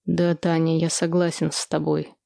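A woman voicing a thoughtful young man who reasons quietly and evenly. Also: low-pitched, flat delivery, moderate pace, gravelly, dry recording, clean studio sound, voice pushed down.

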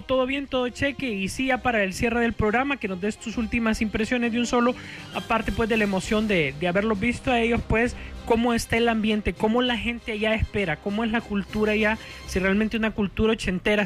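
Over background music, a man with a Honduran accent hosts a film radio show, chatting casually and often repeating words. His voice is high and a bit bright.

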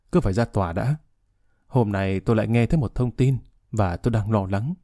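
A man voicing a calm, formal middle-aged lawyer speaking in a measured way. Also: mid-range voice, no echo, studio quality, natural voice.

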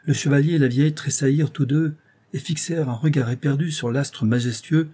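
A man narrating an old French tale as an audiobook, in a measured, expressive storytelling manner. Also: medium pitch. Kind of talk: audiobook reading of a classic story.

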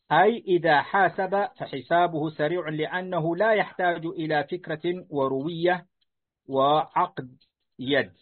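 A man reading a classical text aloud to his teacher, answering his corrections politely and respectfully. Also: on the high side. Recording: tinny phone-like line.

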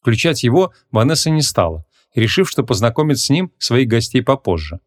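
A man reading a humorous fantasy audiobook as narrator, measured and even. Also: mid-range voice. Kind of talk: scripted narration.

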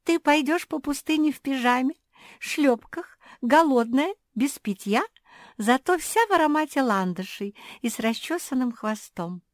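A woman's voice: fairly high pitch, very animated, a little fast, no echo, studio quality, pitched above the performer's own voice. Woman doing a teasing pug girl. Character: mocking, giggly young female pug.

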